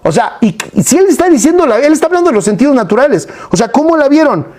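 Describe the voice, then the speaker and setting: A man preaching a sermon in an animated, emphatic way, full of rhetorical questions. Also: very high voice, quick pace.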